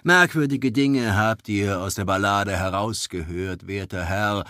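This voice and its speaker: A man voicing a haughty baron who challenges others sarcastically and loudly in an audiobook. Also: on the low side, a little slow, dry recording, studio quality. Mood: challenging. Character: haughty, combative male baron.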